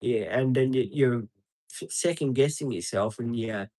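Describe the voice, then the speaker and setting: Standing outside near traffic, a talkative man in his fifties hosts a relaxed live stream, rambling, saying um often and replying to viewers by name. His voice is middle-pitched and dark, captured dry and close without any room echo.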